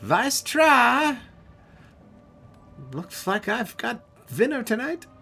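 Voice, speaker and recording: Man playing a squeaky, oddly accented, cheerful stranger in a tabletop game; friendly, a little off. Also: big pitch swings, drawn-out words, vocal fry, bright, forceful tone, faint music behind, heavily acted. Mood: chirpy. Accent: put-on odd foreign accent. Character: strange cheerful male stranger who eats monsters.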